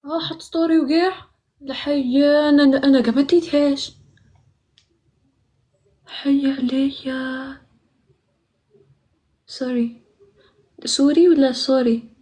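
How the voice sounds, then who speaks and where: A woman hosting a live stream, excitable and laughing, rapidly calling out to viewers. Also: sits high. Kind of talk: casual live-stream chat.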